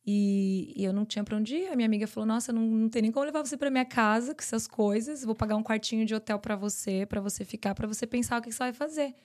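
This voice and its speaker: A Brazilian woman, a podcast guest, telling her personal story in an earnest, rapid flow. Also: fairly high pitch, darkish tone. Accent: Brazilian Portuguese. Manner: earnest, tells events in long rapid runs.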